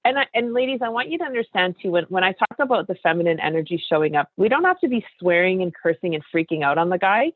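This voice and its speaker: A woman's voice: lowish voice, expressive, fast talker, hardly any pauses, slightly rough, no echo. A woman in her fifties hosting an interview chat, talking in an emphatic, coaching way and speaking straight to her listeners. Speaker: podcast host and coach. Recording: tinny phone-like line, dry.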